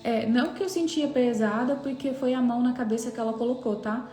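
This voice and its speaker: A woman's voice: fairly high pitch, fairly quick, dark tone. A woman giving an emphatic, fervent devotional testimony and acting out prayers and dialogue. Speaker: preacher. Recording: echoey room with faint music.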